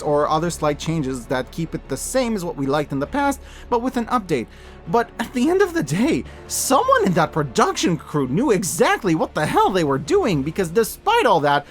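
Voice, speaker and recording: Reviewing films on video, a man in his thirties reads out opinionated, scripted commentary with sarcasm and lots of animated emphasis. He speaks in a high-pitched voice.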